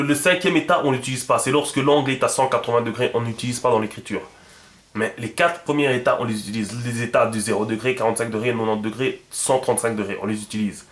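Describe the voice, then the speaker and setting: A man's voice: mid-range voice, a bit bright, reverberant. A man giving a casual spoken lesson, thinking aloud with many fillers and repeated words, often checking that his listeners follow. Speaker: teacher.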